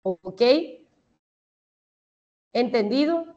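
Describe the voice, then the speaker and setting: A woman's voice: a little high, animated, extremely slow, warm tone, lo-fi sound. A woman with a Colombian Spanish accent teaching English grammar in an online class, explaining step by step and checking that the students understand.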